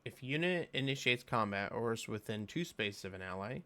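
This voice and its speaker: A man giving casual reaction commentary on a game, reading skill text aloud and thinking out loud with fillers. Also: mid-range voice, animated, a little fast. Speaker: game video creator.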